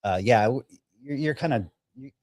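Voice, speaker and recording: A man interviewed as a guest, shy and halting, with many fillers and restarts. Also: mid-range voice, expressive, a little mellow, no room sound, studio quality. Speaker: guest volunteer. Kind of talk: casual chat.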